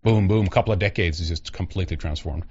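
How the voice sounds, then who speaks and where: A man's voice: sits low, a little mellow, husky. A man from Sweden hosting a casual conversation, talking loosely with many fillers. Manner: quick, loose, filler-heavy. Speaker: host. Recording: dull lo-fi sound.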